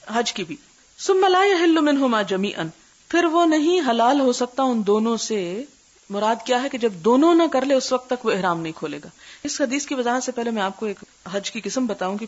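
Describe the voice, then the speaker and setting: An older woman teaching a religious lesson. She recites Arabic slowly, then explains each word and asks her listeners questions. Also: a little high. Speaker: Islamic scholar teaching hadith. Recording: dull lo-fi lecture recording.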